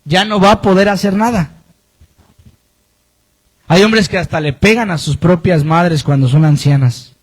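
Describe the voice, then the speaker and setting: A man's voice: high-pitched, a little slow, pauses often. A man pastor preaching a sermon, pressing his points with emphatic repetition and sudden swings in his voice. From Colombia.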